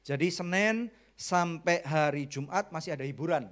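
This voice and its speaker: A middle-aged man with an Indonesian accent preaches a sermon as a pastor. His voice sits a little high, and his delivery is lively and conversational, mixing jokes and English phrases into the preaching. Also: moderate pace.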